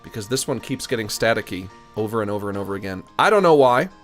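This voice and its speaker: This video game streamer has a lowish, slightly bright voice with lively intonation and a fast pace. He chats casually on a livestream, rambling and joking and chuckling at his own jokes, while music plays behind him. His expensive large-diaphragm studio condenser mic gives his speech strong, hissy sibilance.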